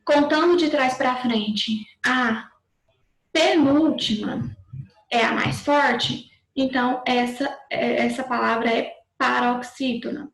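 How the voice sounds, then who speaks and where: Woman, Brazilian Portuguese accent, schoolteacher, higher voice, gravelly, patient step-by-step explaining, echoey room. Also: steady tone, takes it slowly, a bit bright. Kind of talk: recorded remote class.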